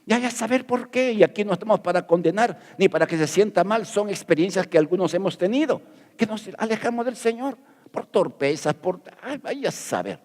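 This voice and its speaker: A man's voice: high-pitched, animated, brisk, a little mellow, in a large hall. A middle-aged man from Peru preaching a sermon as pastor, folksy and jokey, asking rhetorical questions.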